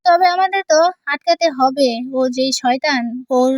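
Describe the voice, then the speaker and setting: A woman's voice: high voice, normal speed, no room sound, studio quality, natural voice. A woman reading out the lines of a defiant young daughter-in-law in a firm, indignant tone.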